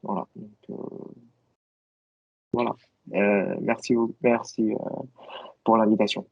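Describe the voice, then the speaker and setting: A man's voice: fairly low pitch, flat delivery, slow, gravelly, darkish tone, husky, no echo. A man, a native Chinese speaker, giving a webinar presentation over a video call and hesitating with many fillers. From China. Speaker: guest speaker, agency founder. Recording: dull lo-fi video call audio.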